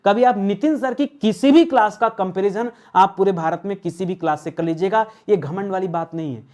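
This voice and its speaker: A man's voice: sits high, fairly quick, a little mellow. Hindi grammar teacher, man, self-questioning. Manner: asks questions and answers them himself; addresses viewers as friends, repeats key words. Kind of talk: online grammar class.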